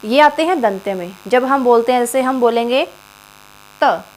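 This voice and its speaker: A woman's voice: fairly high pitch, moderate pace. A woman teacher giving an exam-prep grammar lesson, quizzing the viewer and repeating each syllable aloud.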